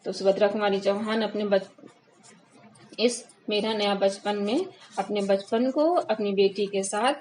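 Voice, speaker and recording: A woman teacher reading a poem aloud slowly and explaining it line by line for students. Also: mid-range voice, darkish tone, slight background noise, low-quality recording. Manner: reads verses slowly, then explains line by line. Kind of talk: Hindi poetry lesson, reading and explaining.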